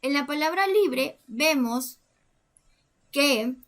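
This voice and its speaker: A woman's voice: sits high, animated, very slow, a bit bright. A woman explaining a grammar lesson as a teacher, methodically counting syllables step by step.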